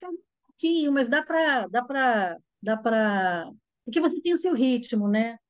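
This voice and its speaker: A woman's voice: fairly high pitch, expressive, a little slow, highs cut off. A Brazilian woman with a carioca accent, an English teacher answering interview questions in an explanatory way, with frequent fillers. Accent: carioca Brazilian Portuguese.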